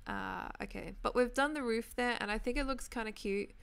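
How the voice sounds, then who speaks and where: A young Australian woman in her twenties talks casually with her viewers as she plays, rambling from topic to topic. Her voice has a gravelly fry at the ends of phrases, yet stays smooth and clear. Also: on the high side, fairly quick, fairly bright tone. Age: 20s. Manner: chatty, rambling, answers viewers' comments. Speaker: Minecraft streamer. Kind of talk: casual chat while gaming.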